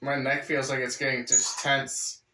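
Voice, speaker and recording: A man at a paranormal session uneasily describes his sensations. His voice is flat in pitch and bright. The sound comes from away from the mic in an echoey space. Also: unhurried, recorded from a distance, a little hiss or hum. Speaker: paranormal investigator using a spirit box.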